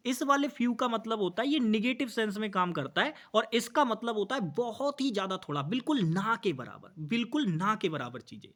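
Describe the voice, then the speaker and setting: High-voiced male English teacher. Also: a bit bright. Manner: explains patiently, asks students questions, calls them bhai and bhaiya; reads example sentences slowly and clearly. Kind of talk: exam-prep grammar lesson.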